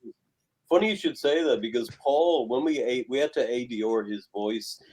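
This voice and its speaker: A man, a filmmaker guest on a video call, telling lively anecdotes from a film shoot and quoting people. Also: medium pitch, moderate pace, husky, low-quality recording. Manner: animated, laughing storyteller who swears and quotes people.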